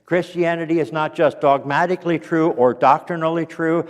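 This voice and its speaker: A man teaching a Sunday school class, reading quotations aloud in an earnest, unhurried way and stopping now and then to clear his throat or correct himself. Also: a little high, fairly even intonation, big-room sound. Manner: corrects himself mid-sentence. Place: church.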